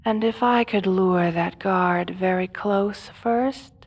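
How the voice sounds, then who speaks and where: A woman playing a seductive, manipulative supervillain in a hypnosis audio role-play, speaking softly with slow theatrical menace, often slipping into a whisper. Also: mid-range voice, husky. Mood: seductive, hypnotic menace. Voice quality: soft, often dropping to a whisper.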